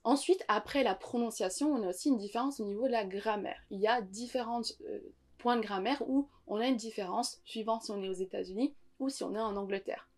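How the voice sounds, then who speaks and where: A woman English teacher giving an online lesson, explaining patiently and reassuringly, and pausing now and then to demonstrate words. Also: fairly high pitch, darkish tone.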